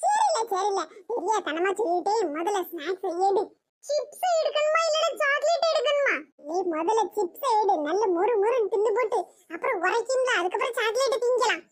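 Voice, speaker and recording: A woman voicing a sly, greedy little village boy in a cartoon, speaking in a hushed, scheming way. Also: very high voice, lively intonation, a little fast.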